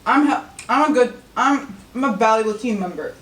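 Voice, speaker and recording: A woman's voice: fairly high pitch, expressive, brisk. A woman vlogger chatting casually and teasing her partner during an eating challenge. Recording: echoey room, mic at a distance.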